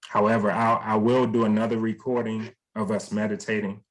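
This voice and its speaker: A man hosting a meditation group on a video call, talking in an easygoing, gently encouraging way. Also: fairly low pitch, level tone, brisk, low-quality recording.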